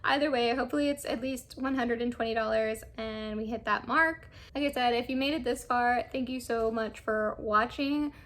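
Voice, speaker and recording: A woman's voice: a little high, normal speed, few pauses, a bit bright. A young woman chatting casually through a makeup try-on, rambling with lots of fillers. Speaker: beauty vlogger.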